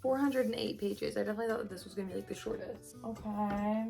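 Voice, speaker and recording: A woman's voice: medium pitch, quick pace, creaky, mellow, faint music behind. A woman in her twenties chatting casually in a book vlog, upbeat and thinking aloud with lots of "like"s. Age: 20s. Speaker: booktuber.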